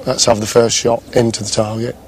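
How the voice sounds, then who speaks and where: A man's voice: mid-range voice, flat delivery, fairly quick, heavy background noise. A man instructing a beginner at an outdoor shooting range, matter-of-fact and encouraging. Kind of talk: giving instructions.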